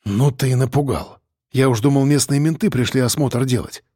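A man reading an audiobook gives the first-person hero, a wry streetwise investigator named Max, a lower, muttered voice. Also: normal speed, warm tone, slightly rough, no echo, clean studio sound, lightly acted.

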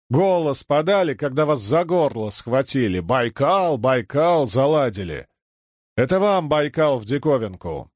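A man's voice: mid-range voice, dry recording, clean studio sound, close to an everyday voice. A man voicing a brash, scheming older male ship's chief who talks in a boisterous, mocking, theatrical way, read for an audiobook. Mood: furious. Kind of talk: audiobook character reading.

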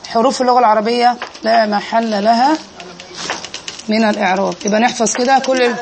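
A woman's voice: fairly high pitch, fairly even intonation, fairly quick, vocal fry, noisy background. A woman with an Egyptian accent teaching an Arabic grammar lesson in a classroom, quizzing her students and drilling them on each answer.

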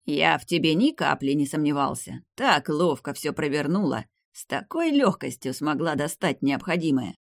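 A reader voicing a proud old grandfather who heads a clan, speaking slowly and self-importantly in an audiobook. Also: mid-range voice, lively intonation, creaky, dry recording, clean studio sound. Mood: stern. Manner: slow, self-important, drawn-out speech. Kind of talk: audiobook character voice.

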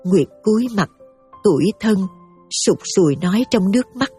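A woman giving steady, emotive scripted story narration over faint music. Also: mid-range voice, moderate pace, slightly rough.

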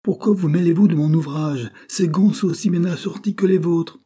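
A man's voice: a little high, normal speed, warm tone, slightly rough, pitched above the performer's own voice. A man voicing a resentful, hot-tempered young clerk who speaks bitterly and sarcastically in a raised voice. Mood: angry, sarcastic.

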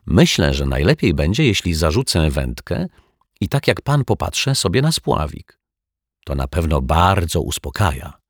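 A man reading an audiobook, voicing a fussy, gentle, earnest male detective who explains his suspicions at length. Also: deep voice, sing-song, moderate pace, slightly rough, dry recording, clean studio sound, full character voice.

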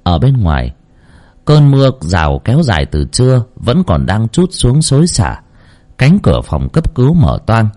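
A man's voice: lowish voice, huge pitch swings, normal speed, mellow. A man narrating a horror story dramatically.

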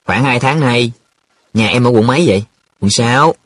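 A man's voice: mid-range voice, moderate pace, fairly bright tone, dry recording, studio quality, natural voice. A man voicing a blunt young man who fires mocking questions at his friends. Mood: probing.

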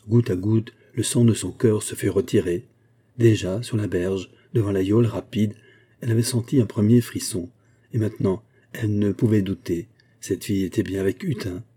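A man narrating a classic novel as an audiobook, in a measured, expressive reading. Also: lowish voice, slightly rough.

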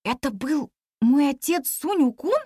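A woman's voice: high-pitched, animated, unhurried, warm tone, no echo, studio quality. Woman doing an eager little monkey boy. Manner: eager, whispering, boastful. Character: excitable monkey boy, son of monkey king.

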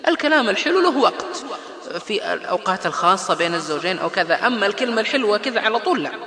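A man's voice: high-pitched, big pitch swings, very fast. Preacher mimicking a smug know-it-all man. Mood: warning. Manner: knowing, warning tone. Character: self-important man giving bad marriage advice. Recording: echoey hall with crowd.

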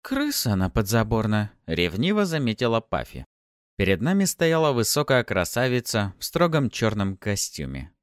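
A man narrating a first-person audiobook in a lively, expressive way. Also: mid-range voice, moderate pace, clear, resonant tone, dry recording, clean studio sound.

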